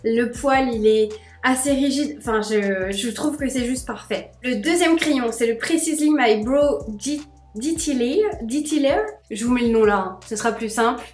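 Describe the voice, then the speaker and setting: A woman's voice: on the high side, normal speed, few pauses, darkish tone, echoey room. A young woman vlogging in a casual, bubbly, gushing way, chatting straight to camera. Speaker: beauty vlogger.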